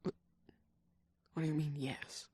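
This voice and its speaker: A woman voicing a scheming, manipulative male cookie trickster in an ASMR roleplay, with a breathy whisper and a sly, taunting manner. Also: deep voice, level tone, measured pace, warm tone, no echo, exaggerated voice. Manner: taunting, sly, laughs often.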